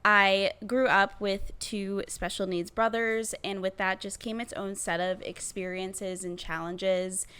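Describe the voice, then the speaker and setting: A woman's voice: mid-range voice, little pitch movement, measured pace, few pauses, pushed and bright, clear, resonant tone. A woman in her mid-twenties from Massachusetts, co-hosting a podcast and earnestly sharing her story in casual chat. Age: 20s. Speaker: podcast co-host.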